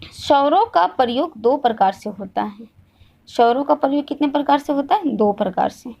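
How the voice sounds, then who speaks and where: A woman's voice: high-pitched, expressive, moderate pace, creaky, darkish tone. Hindi teacher woman quizzing and repeating. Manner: asks questions and answers them herself, repeats each point. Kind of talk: classroom lesson.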